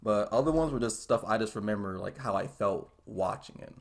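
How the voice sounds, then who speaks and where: A man's voice: fairly low pitch, expressive, fairly quick, vocal fry. A young American man hosting a casual anime chat, thinking aloud in an earnest, hesitant way. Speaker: podcast host.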